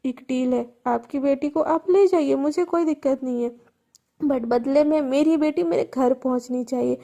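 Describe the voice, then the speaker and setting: Lady doing a smug scheming dad villain, taunting, high voice with gravel. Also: moderate pace, dark tone. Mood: gloating. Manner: taunting, mocking. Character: gloating scheming middle-aged father villain.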